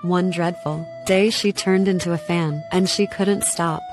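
Comedy skit: a solemn, low storybook narrator put on by a woman, heavy music underneath. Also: fairly even intonation, unhurried, lightly acted.

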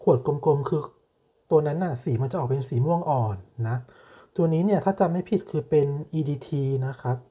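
A man talks through a perfume review at an unhurried, halting pace, pausing often on long filler sounds. His voice is soft and mellow, and his manner stays polite and low-key throughout. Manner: slow, hesitant, frequent drawn-out fillers, polite. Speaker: perfume reviewer, channel host. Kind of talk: casual product review.

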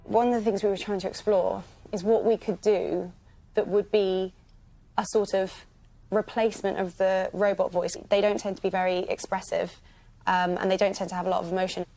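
A woman's voice: mid-range voice, level tone, moderate pace, mellow. A woman, a design strategist, explaining an idea in a friendly, explanatory way.

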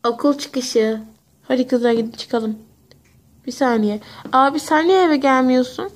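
A woman's voice: sits high, measured pace. A young woman performing every part of a homemade pony toy story, switching between chatty playful character voices.

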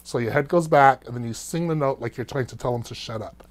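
A man's voice: mid-range voice, quick pace. A man working as a vocal coach, reacting to clips and explaining singing techniques in an easygoing teaching manner. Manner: explanatory, demonstrates vocal techniques with sounds and laughs. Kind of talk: reaction video commentary.

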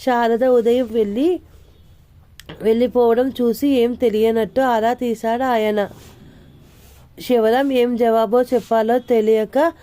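A woman narrating an audio novel in a steady, even storytelling manner. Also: fairly high pitch, slow pace, pauses often.

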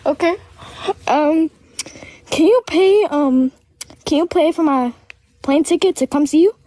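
A woman's voice: sits high, a little slow, warm tone. A woman joining a live stream by phone, teasing the host with playful questions in a giggly, mock-dramatic way. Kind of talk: casual teasing chat.

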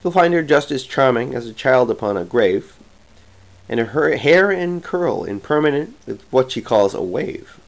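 A man reciting a comic verse poem with a slow, theatrical, rhythmic delivery. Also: mid-range voice, animated, creaky, rough recording. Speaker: poetry reader. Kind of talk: dramatic poetry recitation.

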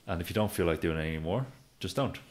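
Deep-voiced male coach telling stories. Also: quick pace. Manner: lively storyteller, acts out quotes. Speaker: handstand coach, podcast co-host. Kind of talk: casual podcast conversation.

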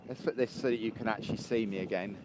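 A man's voice: fairly low pitch, steady tone, fast talker, heavy background noise. An English man in his fifties from just north of London, chatting and joking with viewers on a live stream while walking outdoors in the cold. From England. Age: 50s. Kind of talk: casual live chat with viewers.

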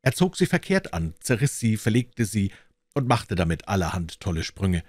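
A man reading a classic story aloud as narrator, with expressive, lively delivery. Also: lowish voice, moderate pace, no room sound. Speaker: audiobook reader.

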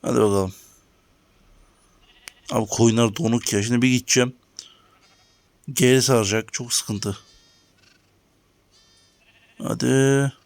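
A man running a gaming channel narrates his gameplay casually to viewers, grumbling whenever the lag hits. He speaks a little slowly in a steady, medium-pitched voice with vocal fry and long pauses, and there's no echo.

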